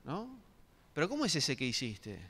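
A man's voice: fairly high pitch, wildly swooping pitch, moderate pace, a bit bright. A middle-aged man, giving a sermon and asking the congregation questions, with many restarts. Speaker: pastor. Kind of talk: interactive sermon. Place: church hall. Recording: long reverb of a church hall.

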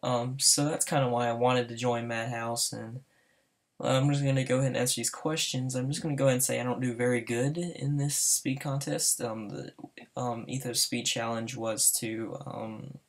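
A fifteen-year-old Southern US boy applying to a server nervously talks over his gameplay in casual voice-over commentary, hesitating often. The male voice is medium-pitched and steady, at normal speed.

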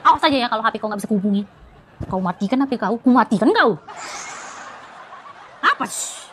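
A woman's voice: on the high side, expressive, brisk, fairly bright tone, a little hiss or hum. A woman playing a jealous, nagging young wife with a Medan accent, firing accusing questions at her husband in a comedy sketch. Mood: suspicious. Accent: Medan Indonesian.

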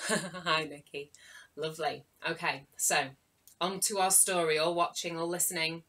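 Woman storyteller for young kids, slow, bright, very animated. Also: fairly low pitch. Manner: animated, with dramatic gasps and hushed asides. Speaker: children's author and storyteller.

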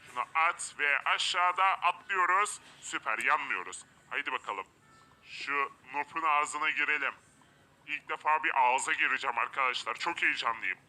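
Male let's-play commentator, eager, talks through each move, slightly high, tense, bright tone. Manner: eager, narrating each step aloud. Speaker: gameplay commentator.

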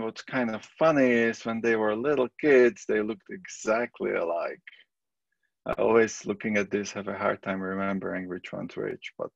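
A middle-aged statistics professor from the Czech Republic, speaking with a Czech accent, gives a relaxed, conversational recorded lecture. His voice is gravelly and on the low side, and the recording is dry and dull.

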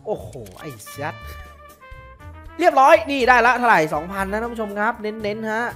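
A man giving casual, excitable commentary while playing an online slot game, often cursing at the results. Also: sits high, normal speed, soft background music.

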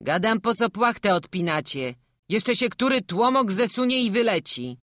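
A woman voicing a gruff, suspicious middle-aged man driving a wagon, talking loudly. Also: lowish voice, very animated, moderate pace, dry recording, studio quality, pitched above the performer's own voice. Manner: loud, gruff, grumbling.

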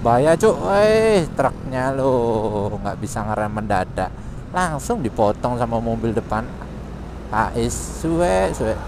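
A man giving casual motovlog commentary while riding a scooter in city traffic, chatty and quick to exclaim, recorded on a helmet intercom mic. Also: medium pitch, big pitch swings. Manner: chatty, exclaims often, laughs between remarks. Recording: wind and traffic noise.

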